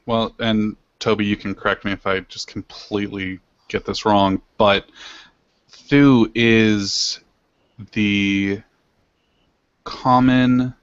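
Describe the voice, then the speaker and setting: A man's voice: on the low side, dry recording. A man hosting a casual podcast discussion, speaking hesitantly as he searches for words, on a dull lo-fi recording. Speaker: podcast host. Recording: dull lo-fi, dry.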